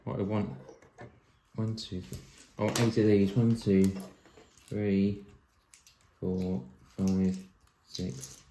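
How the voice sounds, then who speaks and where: A man's voice: on the low side, level tone, slow, long pauses, warm tone, slight background noise. A man hosting a building video, chatting casually, counting pieces aloud and muttering to himself as he works. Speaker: host building vintage toy sets. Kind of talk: casual chat while building. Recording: echoey room.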